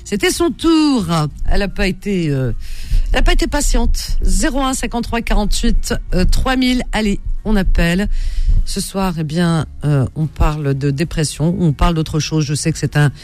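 A woman's voice: lowish voice, a little mellow. A woman hosting a late-night radio call-in show, chatty and full of fillers. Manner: chatty, filler-heavy, lots of hein and euh.

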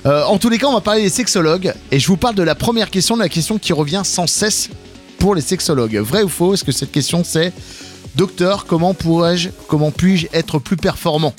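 A man's voice: sits high, a little fast, faint music behind. A man in his thirties hosts a morning radio show in a studio, leading the segments with chatty, playful asides. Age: 30s. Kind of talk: casual radio banter. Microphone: studio microphone.

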